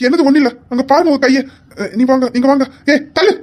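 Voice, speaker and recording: Brief: a loud, angry son, played by a woman, quick and commanding. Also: high-pitched, voice pushed down, natural voice. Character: angry protective adult son, a man.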